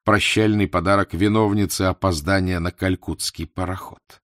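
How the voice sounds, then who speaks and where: A man narrating a literary novel in a measured, expressive way. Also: low voice, dry recording, clean studio sound. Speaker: audiobook narrator.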